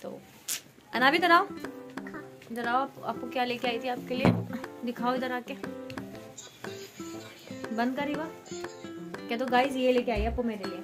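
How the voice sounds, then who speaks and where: A woman's voice: fairly high pitch, a little slow, long pauses. A woman chatting casually to her viewers in a vlog, talking straight to them with plenty of fillers. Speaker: vlogger. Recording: music playing underneath.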